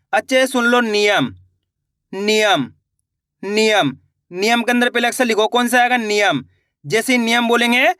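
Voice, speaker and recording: A man teaching a Hindi spelling lesson, repeating each word slowly and quizzing the viewers as he goes. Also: high voice, bright, forceful tone, no echo, clean studio sound.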